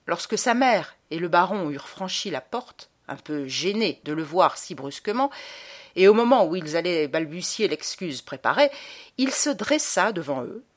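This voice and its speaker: A woman narrating a literary audiobook with dramatic, expressive reading and slowed emphasis. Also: lowish voice.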